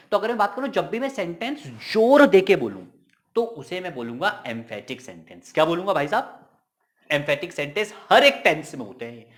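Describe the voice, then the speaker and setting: A man gives a casual English grammar lesson with a very animated, swinging pitch. He stresses points emphatically, asks them back as quick questions and adds teasing jokes. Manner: emphatic, jokey asides, repeats key points as questions.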